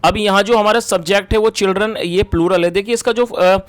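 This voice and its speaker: A man's voice: sits high, fairly even intonation, fairly quick, clean tone. A man explaining English story sentences word by word in Hindi, as a language teacher, with frequent fillers and restarts.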